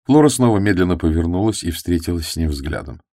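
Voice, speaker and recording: A man narrating a story in a scripted, expressive manner. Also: sits low, quick pace, dry recording, clean studio sound. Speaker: audiobook narrator.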